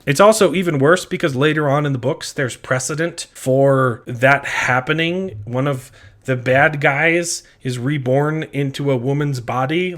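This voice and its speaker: A man's voice: on the high side, fairly bright tone. A man vlogging an opinionated fan rant, sounding exasperated and emphatic and wandering off on digressions.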